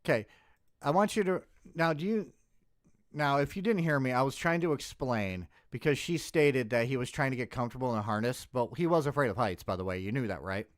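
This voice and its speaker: A man's voice: mid-range voice, lively intonation, brisk, no echo, clean studio sound. Profane, blunt male streamer ranting. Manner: blunt, profane, restarts mid-word. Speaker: streamer host. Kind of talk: casual rant reacting to a video.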